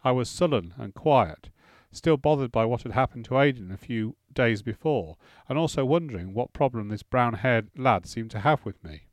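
A man reading a first-person story as audiobook narration, in a steady storytelling manner. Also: mid-range voice, normal speed, no room sound.

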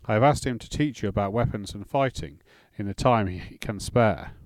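A stern, curt father and village lord, as a man reads him, issuing commands in a low, firm voice. The sound is dry and close, with no room around it. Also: normal speed, a little mellow, no room sound, close to an everyday voice. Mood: commanding.

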